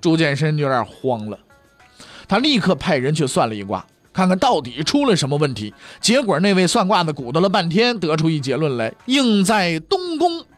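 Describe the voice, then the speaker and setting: A man's voice: on the high side, sing-song, fairly quick, soft background music. A male storyteller telling history in a humorous, chatty storytelling style, often asking the listener rhetorical questions. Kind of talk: comic pingshu storytelling.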